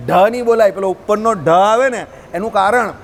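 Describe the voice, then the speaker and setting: Gujarati man, informal religious teacher, high-pitched, chatty, quizzes his listeners. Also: normal speed. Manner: conversational, asks listeners questions often. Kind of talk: informal scripture talk to a group.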